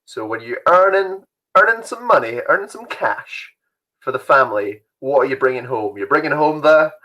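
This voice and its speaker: A man's voice: mid-range voice, lively intonation, normal speed, pushed and bright, low-quality recording. A young man hosting an online youth quiz from home, chatty and rambling, laughing often. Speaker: youth group host.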